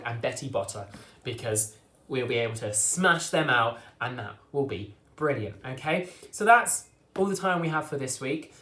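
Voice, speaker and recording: A man teaching an online drama class for children, encouraging and reassuring as he drills tongue twisters slowly. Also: fairly high pitch, a bit bright. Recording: echoey room.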